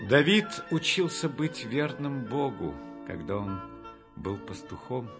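A man narrating a Bible story for a storybook reading in a measured, expressive way. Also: medium pitch. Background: faint music.

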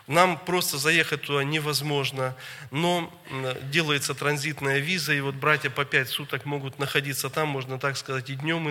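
A man's voice: a little high, bright, forceful tone. A man, a church minister, giving an earnest report to a church gathering and telling a story in pious phrases. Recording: long reverb of a large hall.

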